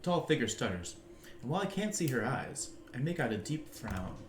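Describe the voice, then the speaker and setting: A man streaming a game, reading its narration aloud in an animated way with frequent chuckles. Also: mid-range voice, normal speed, echoey room, over loud music.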